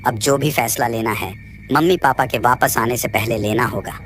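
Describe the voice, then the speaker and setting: A man's voice: medium pitch, moderate pace, fairly bright tone, faint music behind, natural voice. A man voicing a frightened young man in a horror storybook, speaking in an anxious, pleading way. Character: frightened young man visiting a haunted ruin. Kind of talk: storybook narration.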